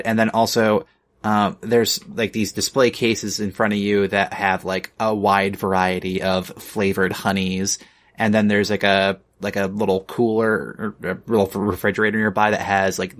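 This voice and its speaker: Low-voiced man running a tabletop game. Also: a bit bright. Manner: loose, filler-heavy narration, laughs often. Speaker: game master.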